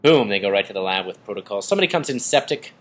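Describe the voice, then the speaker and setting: An American emergency physician co-hosts a medical podcast, explaining clinical guidelines with enthusiasm and a teacherly manner. His fairly low voice has lively intonation and comes out rapid-fire.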